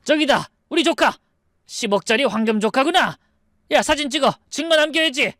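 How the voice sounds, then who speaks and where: A man voicing a greedy, bullying older brother-in-law who shouts his demands. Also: very high voice, expressive, normal speed, no echo, clean studio sound, voice pushed up, full character voice. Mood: greedy, shouting.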